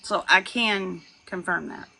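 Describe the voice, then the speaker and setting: A young woman on a live stream, ranting and gossiping in a loud, profane way, with laughs and shouted lines. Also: lowish voice, a little slow, gravelly, breathy edge, low-quality recording. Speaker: livestreamer. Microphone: phone.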